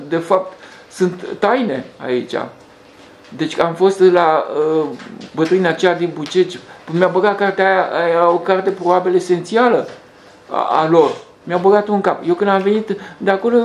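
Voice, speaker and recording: A man's voice: sits high, creaky. A man hosting a rambling spiritual monologue, talking conversationally with frequent restarts and hesitations. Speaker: host. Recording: echoey room with faint background noise.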